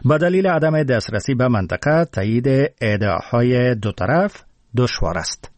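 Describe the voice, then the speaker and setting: A man's voice: mid-range voice, lively intonation. Formal male radio news anchor. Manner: measured, formal delivery. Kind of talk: scripted news reading. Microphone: dry studio mic.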